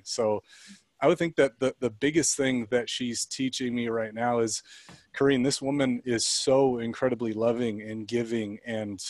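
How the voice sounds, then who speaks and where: Male guest, mid-pitched, earnest and reflective storyteller, close dry sound. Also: a little mellow, no echo. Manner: earnest, reflective, many likes and restarts. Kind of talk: personal storytelling in a conversation.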